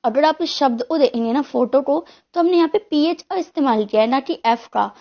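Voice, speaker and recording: A woman's voice: sits high, fairly quick, gravelly, dull audio. A woman teacher giving an online exam-prep lecture, explaining step by step and answering her own questions.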